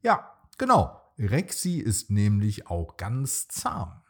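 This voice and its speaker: A man voicing a small, eager boy dinosaur in a bedtime storybook, with an excited, pleading childlike voice. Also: lowish voice, takes it slowly, vocal fry, breathy edge, full character voice.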